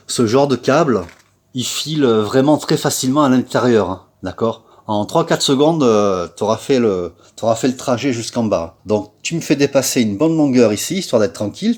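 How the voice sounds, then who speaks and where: A man's voice: mid-range voice, darkish tone. A man from France giving a casual how-to tutorial, chatty, blunt and slangy, talking straight to the viewer with lots of filler tags. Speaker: scooter repair vlogger.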